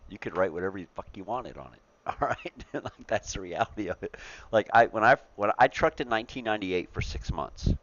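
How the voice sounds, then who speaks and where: Deep-voiced man in his forties, laughing talk. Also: lively intonation, fairly quick, fairly bright tone, highs cut off. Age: 40s. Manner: profane, laughing, repeats himself. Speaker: trucking talk show host. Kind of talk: casual chat.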